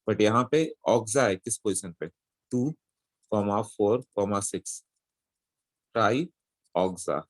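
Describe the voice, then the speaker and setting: A male chemistry teacher gives a lecture in an unhurried, deliberate way, his voice sitting on the low side. He walks through each step and keeps checking that his students follow. The sound is dry and close, with little room around it. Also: no echo. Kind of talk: classroom lecture.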